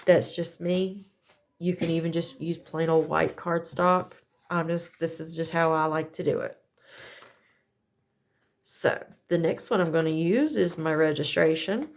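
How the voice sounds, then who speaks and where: Demonstrating a craft setup, a woman with a low, gravelly voice keeps things folksy and casual, correcting herself along the way in this how-to chat.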